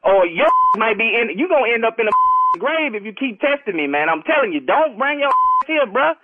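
A man's voice: extremely high pitch, big pitch swings, normal speed. A man in a heated, confrontational phone conversation, talking in informal street slang over a telephone. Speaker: prank call recipient. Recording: narrow, tinny phone line.

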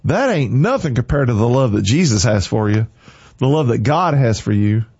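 Husky and a little mellow, this male morning radio host's medium-pitched voice swings widely in pitch at a normal speed, with no room sound. He preaches fervently and repeats short commands, recorded dry and slightly muffled in a close studio.

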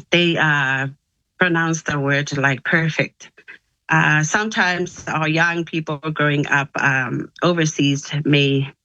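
A woman's voice: sits low, fairly bright tone, no echo, dull audio. A woman from Tonga with a Tongan accent, a musician guest speaking in a casual interview, earnest and hesitant with many filler sounds.

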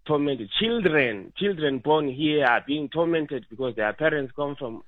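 A man's voice: on the high side, expressive, a little slow, no room sound. A man calling a radio talk show, speaking earnestly with frequent fillers and restarts. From South Africa. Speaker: caller. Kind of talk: radio call-in opinion. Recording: tinny phone line.

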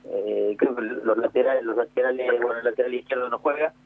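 On a casual phone call from home near the grill, a male guest with an Argentine Spanish accent keeps repeating his words. He talks briskly at medium pitch in a steady tone, with some vocal fry.

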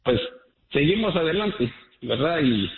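A man's voice: a little high, big pitch swings, a little slow. A man from Guatemala calling in to a radio show, speaking earnestly and gratefully with many hesitations. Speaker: caller. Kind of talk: call-in radio chat. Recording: echoey tinny phone line.

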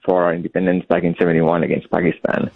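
Bangladeshi-born guy phoning in, slow and thoughtful, dry phone-line sound. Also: deep voice, little pitch movement, creaky, no room sound, faint music behind. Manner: measured, reflective, with many fillers. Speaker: caller. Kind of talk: phone-in call.

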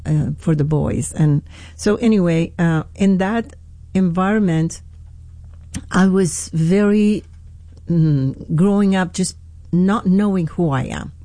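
A woman in her sixties from Iran with an Iranian accent, a pastor telling her life story in an interview, earnest and hesitant with many pauses and restarts. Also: on the low side, warm tone, no echo. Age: 60s. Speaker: pastor, guest. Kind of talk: personal testimony in an interview.

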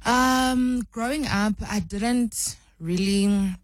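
A woman's voice: a little high, very slow, dry recording, poor audio. A young woman from South Africa, a rugby player, answering interview questions with many ums and restarts.

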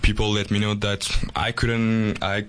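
A man's voice: lowish voice, level tone, unhurried. A man in his twenties with a French accent, answering interview questions hesitantly with many fillers. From southwest France. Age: 20s. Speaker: soccer goalkeeper guest.

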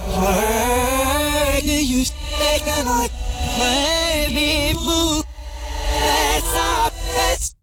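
A woman's singing voice played backwards, high and drawn out. Each syllable slurs into a warbling, ghostly sound. A thin bed of music sits behind the reversed vocal. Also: fairly even intonation, drawn-out words, long pauses, fairly bright tone, low-quality recording. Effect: song clip played backwards.

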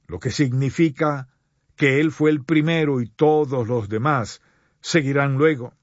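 A man preaching a sermon to radio listeners, earnest and pleading, with slow deliberate pauses. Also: mid-range voice, steady tone, no room sound, highs cut off.

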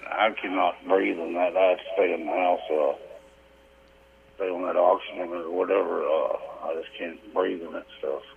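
Man, folksy caller, AM radio phone-in, tinny thin line, low voice. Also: fairly even intonation, normal speed, creaky, a little hiss or hum. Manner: folksy, easygoing plain talk. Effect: AM radio call-in sound over a phone line. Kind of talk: casual chat.

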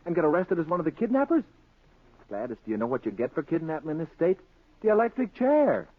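Casting: blustering, easily scared American schemer husband, swooping pitch, old radio drama, phone-like sound. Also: male voice, huge pitch swings, fast, slightly rough, exaggerated voice. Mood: alarmed. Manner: blustering, stammering when nervous. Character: excitable working-class husband, grabby, scheming but easily scared.

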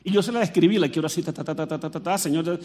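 A Colombian pastor with a high-pitched voice delivers a lively sermon. He jokes with the congregation and speaks to them directly, with an animated delivery. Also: quick pace. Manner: animated and joking, addresses the crowd directly.

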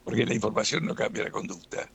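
A man's voice: fairly low pitch, expressive, fast, gravelly, a bit bright, breathy edge. A man with a Rioplatense Spanish accent, explaining things relaxedly as a doctor guest in a radio interview and often tagging "¿no?".

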